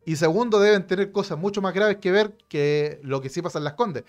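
A man's voice: high voice, a little fast, soft background music. A middle-aged man with a Chilean accent, telling a personal story in a casual, indignant way and acting out both sides of an argument. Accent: Chilean Spanish. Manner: animated, indignant, acts out quoted exchanges.

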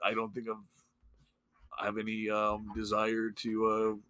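A man's voice: lowish voice, completely flat delivery, a little slow, a bit bright, a little hiss or hum. A man co-hosting a horror movie podcast, talking casually with blunt, profane opinions. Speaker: podcast co-host. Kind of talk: casual chat.

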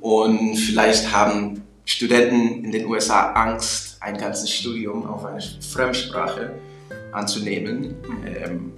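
A man's voice: lowish voice, fairly even intonation, slow, a bit bright, roomy sound, soft background music. A man in his twenties from Chicago, speaking German as a learner with an American accent and careful restarts, as a guest in a casual interview. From Chicago, USA. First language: English. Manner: careful non-native speech with restarts.

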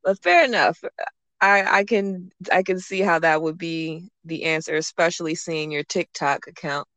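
A woman's voice: lowish voice, normal speed, fairly bright tone, dry recording. A woman hosting a podcast, talking in an informal, conversational way. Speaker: podcast host. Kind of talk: casual podcast interview.

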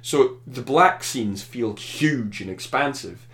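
Man reviewing a film in relaxed chat; thoughtful, meandering delivery. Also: medium pitch, slow. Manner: thoughtful, rambling with restarts. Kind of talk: casual podcast chat.

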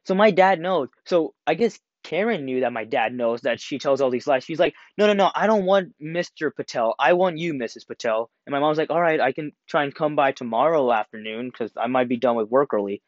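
A young man telling a school story in a casual, animated way, acting out the quotes and laughing as he goes. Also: medium pitch, a little fast, hardly any pauses, no echo. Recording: dry, slightly dull home recording.

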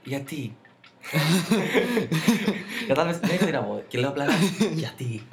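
A man's voice: on the high side, very animated, a loud crowd. Casual man reacting on a podcast. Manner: casual and swearing, reacts with quick interjections. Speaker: podcast co-host. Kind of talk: casual chat.

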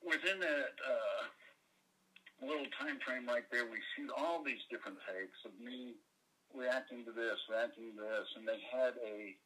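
A man's voice: mid-range voice, moderate pace, pushed and bright, low-quality recording. A middle-aged man from Michigan, an actor guest telling a rambling anecdote and acting out the voices of people in it. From Michigan, USA. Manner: rambling storyteller, acts out quoted voices. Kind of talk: casual anecdote in an interview.

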